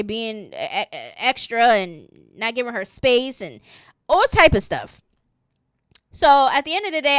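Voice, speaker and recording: Chatty high-voiced New woman. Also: a bit bright, clear, resonant tone, no echo, studio quality. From New York City. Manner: chatty, opinionated, keeps tagging "okay?". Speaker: gossip commentary host. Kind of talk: casual celebrity gossip commentary.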